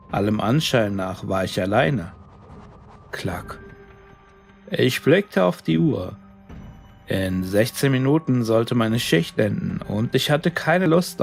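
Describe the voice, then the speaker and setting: Casting: male horror narrator, creaky voice, unhurried suspenseful delivery, faint music underneath. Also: medium pitch. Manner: deliberate, suspenseful, dramatic delivery. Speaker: storyteller, narrator. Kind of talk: scripted first-person horror story narration.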